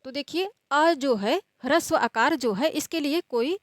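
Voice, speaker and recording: A woman with a high voice teaching a grammar lesson in a steady, explaining tone. She asks a question, then answers it, and slows down to draw out each example word. The recording is close and dry. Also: dry recording.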